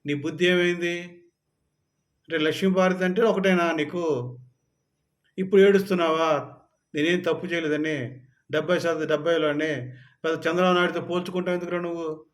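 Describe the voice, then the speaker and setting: Man, fairly high voice, scolding political rant, heated and accusing. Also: steady tone, brisk, pauses often. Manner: scolding, rising to shouted anger. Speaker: political commentator. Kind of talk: angry political rant to camera.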